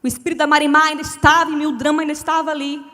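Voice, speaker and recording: A woman's voice: high voice, flat delivery, very fast, sharp tone. A woman preacher telling a humorous personal testimony in a sermon, acting out the dialogue she quotes. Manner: storytelling, acts out quoted dialogue. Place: church event stage. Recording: church hall with long reverb.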